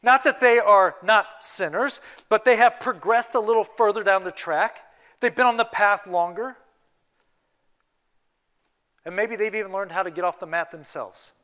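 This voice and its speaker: In his church sanctuary, a youth pastor preaches with a high, bright voice that carries a sharp, forceful edge. At a moderate pace, he alternates between hushed, earnest passages and emphatic pushes in a steady pulpit delivery rather than a conversational one.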